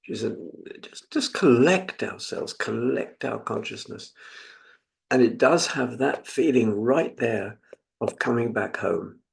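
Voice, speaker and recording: An Englishman in his seventies with a British accent guides a meditation as a teacher, gently instructing and reflecting with pauses. His voice is mid-range and creaky.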